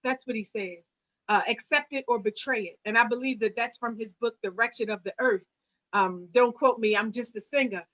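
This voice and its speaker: A woman's voice: a little high, normal speed, fairly bright tone, lo-fi sound. A woman hosting an online panel, speaking earnestly with a preacher-like cadence and frequent fillers. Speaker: host; singer.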